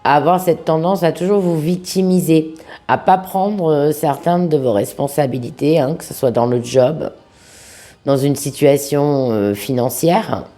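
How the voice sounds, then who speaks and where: A woman with a sick-sounding voice giving an informal tarot reading to viewers, speaking familiarly and affectionately, with halting pauses. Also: low voice, dark tone. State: sick-sounding voice, under the weather. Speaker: tarot reader, host of a video channel.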